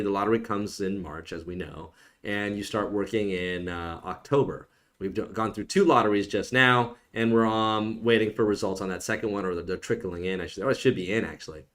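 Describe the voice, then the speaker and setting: Taking viewer questions on a live stream, an immigration attorney jokes around casually and teases the people watching, peppering his answers with "okay?". His voice runs on the low side with a slightly bright quality.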